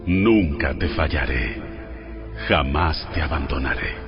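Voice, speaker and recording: Divine voice for a Bible drama: grave, commanding, slow, dull sound under music. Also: male voice, rumbling low, expressive, full character voice. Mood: solemn assurance. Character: God, solemn commanding male divine voice.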